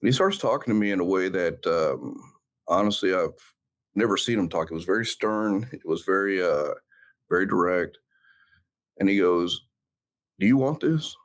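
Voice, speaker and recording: A middle-aged man with a low, deep voice recounts a personal story in a sit-down interview. He speaks earnestly and reflectively, often pausing on "uh" and restarting his sentences as he works through the memory. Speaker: interview guest, founder of a law enforcement brand.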